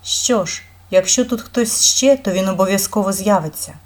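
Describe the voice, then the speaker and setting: A woman's voice: medium pitch, normal speed, a little mellow, natural voice. A woman voicing a decisive, commanding elder sister in a read-aloud storybook, giving orders in a firm way.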